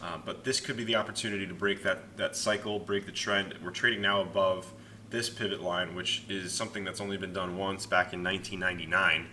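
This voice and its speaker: A young man hosting a stock market channel speaks in a low, fairly even voice at a fairly quick clip. His market commentary is casual and chatty, full of hedged opinions, recorded with faint background noise.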